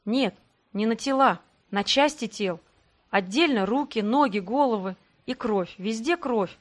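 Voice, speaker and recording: A woman reading a first-person fantasy audiobook in a dramatic, expressive way. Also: fairly high pitch, a little slow. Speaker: audiobook narrator.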